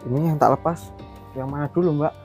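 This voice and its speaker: A man's voice: a little high, fairly even intonation, quick pace, darkish tone, soft background music, close to an everyday voice. A man playing a brash, bossy young man who hurries everyone along in a comedy skit. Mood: unsure. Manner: bossy, hurrying others along.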